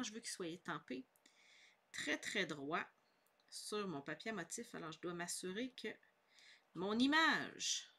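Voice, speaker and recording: Explaining each step of a casual scrapbooking tutorial, this middle-aged instructor speaks with a Québécois French accent and an upbeat, talkative manner. Her voice sits on the high side, bright and forceful.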